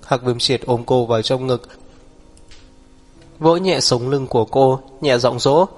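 A man narrating an audiobook in a steady, even reading style. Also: mid-range voice, a little slow, soft background music.

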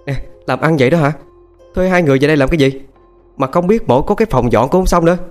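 A man's voice: fairly high pitch, racing, faint music behind, voice pushed up, close to an everyday voice. A man voicing a scolding young rich woman in a story reading. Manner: sharp, scolding.

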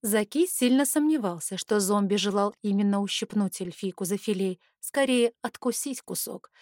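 A woman reading a fantasy audiobook with lively, expressive narration. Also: medium pitch, moderate pace, no echo, studio quality. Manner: lively, character-rich reading.

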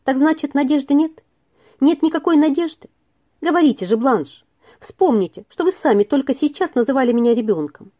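A woman reading aloud and voicing a gentle young man who speaks earnestly and with trembling feeling. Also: high voice, animated, fairly quick, highs cut off, pitched above the performer's own voice. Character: gentle young male tutor in love.

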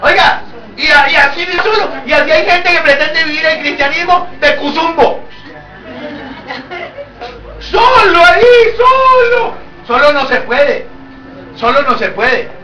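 A man preaching a lively sermon to his congregation, joking with them and rising to shouts. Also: extremely high pitch, normal speed, crowd noise. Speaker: pastor. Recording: echoey church hall, from far off.

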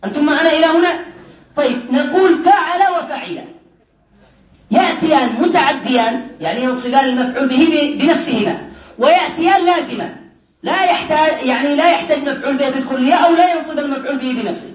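A man teaching a class on word patterns, quizzing his students often and slowing down to stress each pattern. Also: very high voice. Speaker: teacher of Arabic morphology. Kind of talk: classroom lesson. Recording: roomy classroom from a distant mic with class murmur.

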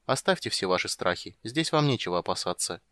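A man reading an audiobook, voicing an ancient, wise female unicorn who guards the forest, in a deep, resonant, calm and stately manner. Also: a little fast, no echo. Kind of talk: audiobook character voice.

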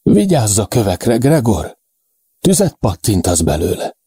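A man voicing a proud, feverish, dying caveman warrior in a halting manner. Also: lowish voice, big pitch swings, mellow, husky, dry recording, studio quality, voice pushed up, heavily acted. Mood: feverish, fearful.

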